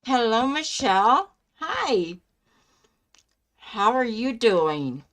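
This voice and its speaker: A woman chatting casually as a live stream host, speaking in a halting way with pauses mid-sentence. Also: on the high side, very animated, fairly bright tone. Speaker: live stream host giving psychic love readings.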